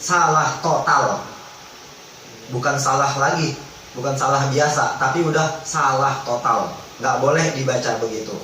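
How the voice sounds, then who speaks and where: A man teaching Quran recitation rules in a religious study lesson, explaining in relaxed everyday speech and chanting drawn-out recited examples. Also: mid-range voice. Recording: echoey hall, distant mic, faint background noise.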